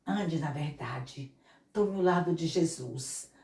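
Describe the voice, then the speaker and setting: A woman missionary telling a Bible story to children in an animated way, often calling out to them. Her voice sits fairly low and sounds distant in a roomy, echoing space. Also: slow, creaky. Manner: animated, addresses children directly. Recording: echoey room, mic far off.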